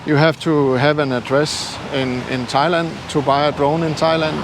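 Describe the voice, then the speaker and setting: An older man whose first language isn't English speaks with a non-native accent in a voice on the high side, with flat delivery. As a travel YouTuber, he talks casually and haltingly to the camera outdoors, poking fun at himself. Traffic and street noise fill the background.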